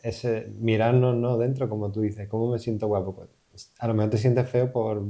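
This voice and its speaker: A man hosts a relaxed podcast conversation. His voice is low and very dark and mellow, and he talks casually, feeling his way through thoughts with hesitant tag questions. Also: normal speed. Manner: casual, tentative, frequent "¿no?". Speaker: podcast host. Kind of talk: conversational interview.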